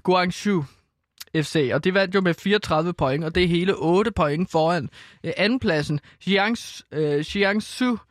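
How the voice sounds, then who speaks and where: A man's voice: high-pitched, no room sound, studio quality. A man talking football on a radio show, casual and hesitant with many ums. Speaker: football pundit.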